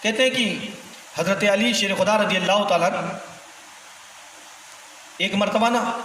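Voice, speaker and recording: A man preaching a sermon, telling stories in an animated way and acting out the dialogue. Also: high-pitched. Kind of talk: sermon storytelling. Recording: echoey hall from far off, faint noise.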